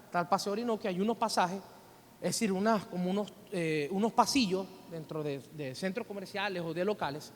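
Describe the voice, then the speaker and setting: A man's voice: high-pitched, fairly quick, in a large hall. A Venezuelan man preaching a sermon as pastor, telling a story and animatedly acting out the voices in it. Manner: animated, acts out quoted voices. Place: church hall.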